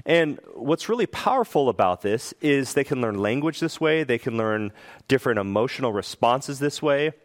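A man gives an animated public talk, his pitch rising and falling freely as he explains step by step. He keeps checking in with his listeners and slips into high voices to act out parents and children. The sound is dry and close. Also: moderate pace, no echo. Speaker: speaker giving a research talk.

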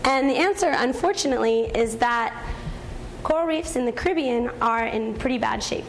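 A young woman with a hoarse, croaky frog voice, partly lost from talking, giving a scientific presentation as a graduate researcher. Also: fairly high pitch, expressive, moderate pace, a little hiss or hum, low-quality recording. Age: young adult.

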